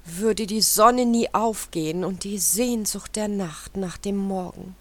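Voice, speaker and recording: A woman's voice: mid-range voice, slow, fairly bright tone, pitched above the performer's own voice. A woman voicing a pompous, sentimental male rooster who boasts grandly. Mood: grandiose. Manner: grandiose, self-important.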